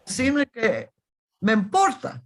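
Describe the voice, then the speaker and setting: A slightly high voice with wildly swooping pitch belongs to this slow-speaking woman in her seventies from Thessaloniki, Greece. As a guest historian in a conversational interview, she speaks with a Salonica Judeo-Spanish accent, pressing her points emphatically and often restarting phrases.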